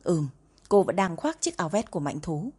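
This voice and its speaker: A woman narrating a romance novel in an even, steady reading voice. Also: fairly low pitch, normal speed, husky. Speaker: audiobook narrator.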